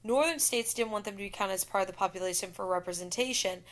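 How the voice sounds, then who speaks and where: A woman's voice: medium pitch, quick pace. A woman giving a classroom history lecture over slides, explaining to students and addressing them directly. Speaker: teacher.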